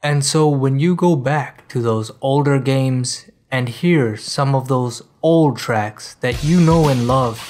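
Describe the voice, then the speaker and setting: A man delivers dramatic scripted narration at an unhurried pace. He breaks sentences into short, emphatic phrases and lets each one land. Prominent music plays underneath his medium-pitched voice. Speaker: video essay narrator.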